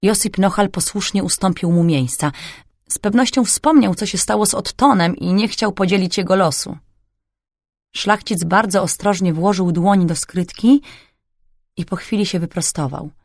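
A woman reading a fantasy audiobook in clear, even scripted narration. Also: mid-range voice, normal speed, no echo, clean studio sound.

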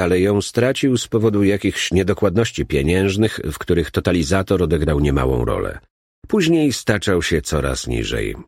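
Deep, husky male storyteller. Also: darkish tone, dry recording, studio quality. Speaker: narrator. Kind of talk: audiobook narration.

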